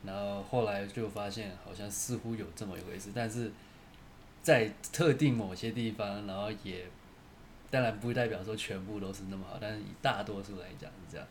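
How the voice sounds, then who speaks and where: A young man co-hosts a casual chat. He speaks in a measured, hesitant way, with pauses and fillers, over a faint hiss. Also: fairly low pitch, steady tone. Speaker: co-host.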